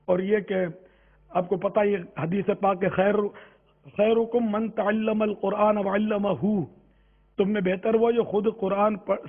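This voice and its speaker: A man giving a religious talk on Quran recitation, urging his listeners and slowly drawing out phrases to show how they should be said. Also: high-pitched. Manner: exhorting, slowly drawn-out demonstration of Arabic phrases. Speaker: religious teacher. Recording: tinny phone-like lo-fi sound.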